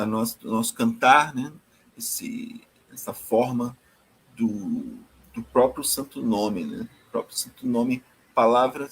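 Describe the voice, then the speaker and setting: Husky male teacher, devotional scripture talk, mid-pitched, repeats himself, ends phrases on "né?". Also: poor audio. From Brazil. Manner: tags nearly every phrase with a questioning "né?"; repeats and restarts words while searching for phrasing. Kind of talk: scripture reading and commentary.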